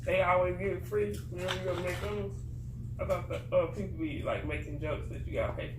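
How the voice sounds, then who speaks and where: A man's voice: high-pitched, fairly even intonation, fairly quick. A man chatting casually and teasingly in slang over a meal. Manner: eating while talking. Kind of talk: casual mukbang chat. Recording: roomy, distant mic, clear background noise.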